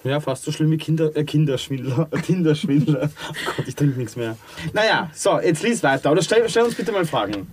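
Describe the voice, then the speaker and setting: A man, co-hosting a podcast, joking around in quick casual banter. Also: fairly high pitch, lively intonation, slight background noise. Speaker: podcast co-host. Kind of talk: casual chat.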